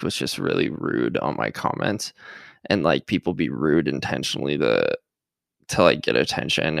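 A man's voice: very deep voice, vocal fry, fairly bright tone, no echo, clean studio sound. A young man talking casually in a sarcastic, rambling vlog monologue full of fillers. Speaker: social media creator.

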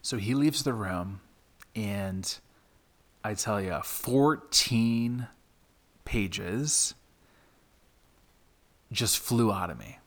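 A man's voice: on the low side, a bit bright. A man hosting his own podcast, telling a personal story in a reflective way, with many fillers. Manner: slow, reflective, with frequent fillers. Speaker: podcast host.

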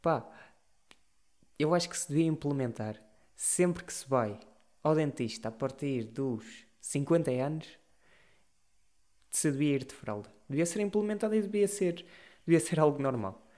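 A man's voice: on the high side, expressive, moderate pace, pauses often, warm tone. A young man with a European Portuguese accent, hosting a casual solo podcast and ranting with exasperation and frequent swearing. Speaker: podcast host.

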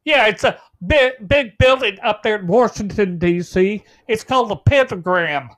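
A man's voice: high voice, lively intonation, normal speed, a bit bright. A man playing a folksy old farmer co-hosting a comedy show, with homespun rural talk. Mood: deadpan folksy. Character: folksy old male farmer, cheerfully confident. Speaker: co-host. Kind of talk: comedic character banter.

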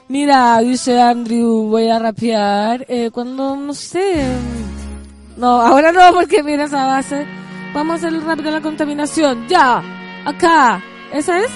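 A Chilean woman chats casually on a radio show, joking with her co-host and reading messages from listeners. Her voice sits high and she slips easily into playful improvised rap. Faint music plays under the studio talk.

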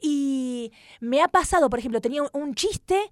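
A woman with a Rioplatense Spanish accent, a comedian telling stories in a casual chat, animated with many fillers. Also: high-pitched, moderate pace, no echo, clean studio sound. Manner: animated storytelling with many fillers and acted quotes. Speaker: comedian guest. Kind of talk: casual conversation.

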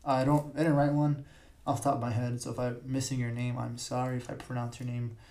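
Speaking a little fast into a podcast mic, a young podcast host with a raspy, mid-range voice rambles through casual solo talk. He's flat and mellow, uses lots of fillers, keeps correcting himself, and the sound of a large room surrounds him.

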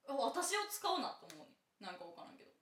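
A young woman from Osaka with an Osaka Kansai accent, co-hosting a casual chat podcast in a quick, animated, teasing way. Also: a little high, slight background noise. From Osaka, Japan. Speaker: podcast co-host. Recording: roomy echo.

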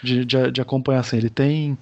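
A man's voice: medium pitch, fairly even intonation, fast, darkish tone, highs cut off. A man with a Brazilian Portuguese accent, talking casually and animatedly about films and comics, full of slang, restarts and filler tags. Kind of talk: casual chat.

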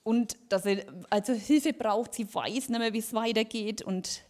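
Lady sharing her testimony in church, kinda high voice, acts out the conversations. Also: measured pace. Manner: lively storytelling, acting out dialogue. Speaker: lay speaker giving a testimony. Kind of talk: personal testimony in a church service. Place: church service.

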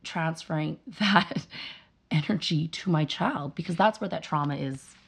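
This interview guest is a woman in her thirties, a mother and a dental hygienist, chatting casually. She recounts earnest stories with animated, quoted dialogue. Her deep voice is gravelly and slightly rough, and her pace is measured.

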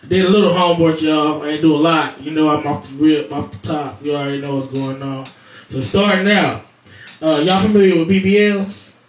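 Laid-back slang-heavy male host, slightly high voice, recorded far from the mic in a reverberant room. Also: steady tone, fairly quick. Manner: laid-back slangy banter, swears freely. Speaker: podcast host. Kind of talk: casual chat.

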